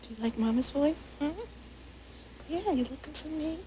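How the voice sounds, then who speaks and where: A woman's voice: sits high, moderate pace, dark tone, slight background noise, rough recording. A mother speaking to her newborn in cooing, sing-song baby talk. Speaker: new mother.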